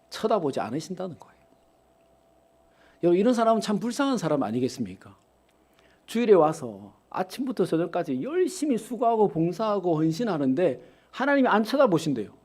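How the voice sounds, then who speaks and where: Lively, animated male pastor preaching. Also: fairly high pitch. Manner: preaching with rhetorical questions to the congregation. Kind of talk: sermon. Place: church sanctuary.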